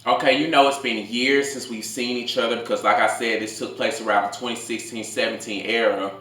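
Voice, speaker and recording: Bright-voiced young man telling a story, echoey room. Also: mid-range voice, brisk. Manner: animated, rambling, slangy storytelling. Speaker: food vlogger. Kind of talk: casual storytime told over a meal.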